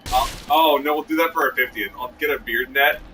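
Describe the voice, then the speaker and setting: A man's voice: medium pitch, a little fast. A man co-hosting a gaming stream, chatting casually in rambling, restarting sentences and swearing freely. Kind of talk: casual chat while playing a video game. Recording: distant mic with clear background noise.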